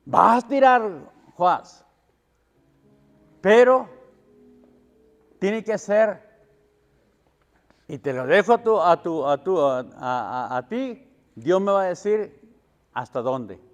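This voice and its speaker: A man with a high-pitched voice preaches to his congregation. He speaks at an unhurried pace, firing questions and answering them himself, and his voice rings out through a long-echoing church hall. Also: very animated, faint music behind. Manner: preaching with call-and-response questions and swells in volume. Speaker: pastor. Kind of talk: sermon.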